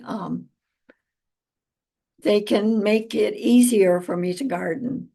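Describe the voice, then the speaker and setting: Woman vlogger, casual and unscripted, unhurried pace, noticeable vocal fry. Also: medium pitch, a little mellow. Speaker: vlog host. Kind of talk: casual chat to viewers about gardening.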